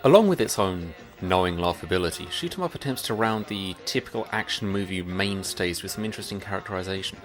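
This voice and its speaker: A man's voice: low-pitched, expressive, fast, few pauses, soft background music. A man co-hosting a scripted film review show, reading his part with a dry, wry delivery.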